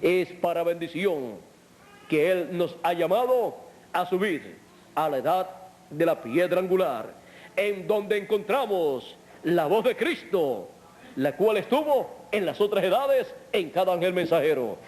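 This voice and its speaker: A man delivering a measured sermon, with deliberate, drawn-out phrasing and long pauses. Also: high-pitched, lively intonation, a little mellow. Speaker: preacher. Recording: old sermon recording.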